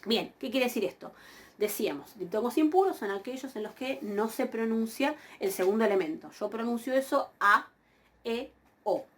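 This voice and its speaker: A woman giving a recorded university lesson on Greek pronunciation. She repeats each word slowly and keeps checking with her students. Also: a little high, animated, a little mellow. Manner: patient, repeats words slowly with frequent "¿sí?" checks. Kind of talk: recorded lecture.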